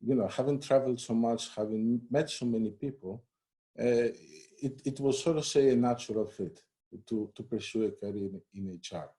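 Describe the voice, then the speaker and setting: A man from Greece who also grew up in the United States, an HR head answering interview questions in a relaxed, conversational way with many "you know" fillers. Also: medium pitch, normal speed. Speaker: head of human resources, interview guest. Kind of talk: live-streamed interview.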